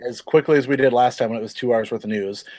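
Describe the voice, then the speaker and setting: A man's voice: medium pitch, fairly even intonation, quick pace, darkish tone, dry recording. A man hosting a gaming podcast, reading news in a loose, rambling way and swearing often. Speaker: podcast host. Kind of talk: casual gaming news chat.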